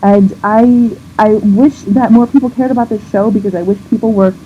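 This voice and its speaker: A woman's voice: mid-range voice, fairly even intonation. Woman vlogger, emotional rant, indignant and tearful, stumbling restarts; lo-fi recording, faint hiss. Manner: upset, indignant, swearing, with halting restarts. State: on the verge of tears. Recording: dull lo-fi sound with faint background noise.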